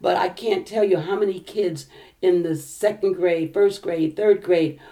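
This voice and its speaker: A woman's voice: lowish voice, steady tone, unhurried, dark tone. A woman working as a school social worker, talking frankly and earnestly in a casual interview. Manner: earnest, speaks in plain frank statements.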